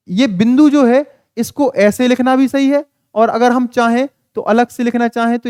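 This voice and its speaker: Man, teacher, classroom-style board lesson, patient, repeats words to drill them, crisp voice, dry close sound. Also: high-pitched, darkish tone, no room sound. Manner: patient, spells out sounds syllable by syllable and quizzes students.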